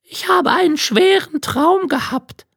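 A man reading a storybook, voicing a crafty but kindly old grandmother in a creaky falsetto with a fussing, sing-song manner. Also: unhurried, a bit bright, no echo, clean studio sound, full character voice. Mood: coaxing.

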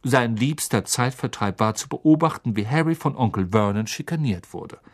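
An audiobook reader narrating a story with dramatic expression. The delivery is animated, with wide swings in pitch. The voice sits at a middle height. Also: moderate pace.

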